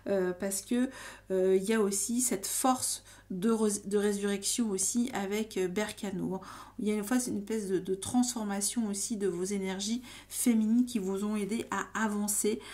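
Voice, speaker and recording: A woman's voice: medium pitch, darkish tone. A woman giving a casual tarot reading to her viewers, talking in a hesitant, meandering way full of fillers and restarts. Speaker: tarot reader.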